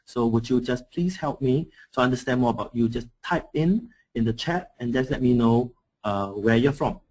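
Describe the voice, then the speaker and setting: A man from Singapore presents a coaching webinar at a mid-range pitch, speaking through a computer mic on an online call. He talks hesitantly, with frequent fillers and restarts, as he searches for his words. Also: moderate pace, a little mellow. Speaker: coaching trainer.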